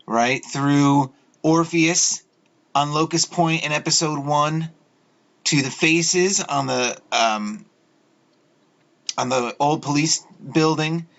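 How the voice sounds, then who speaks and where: A man hosting his own video, talking in a halting, rambling way with many fillers and restarts as he goes through pictures. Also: a little high, gravelly, a bit bright. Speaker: video host. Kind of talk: rambling solo video talk over images. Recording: dull lo-fi audio.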